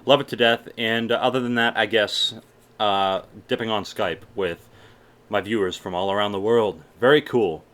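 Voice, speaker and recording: At a moderate pace, a young man with a fairly low, slightly bright voice answers viewer questions in a casual Q&A vlog. He's from Massachusetts, with a mild Boston accent mixed with general American, and swears often.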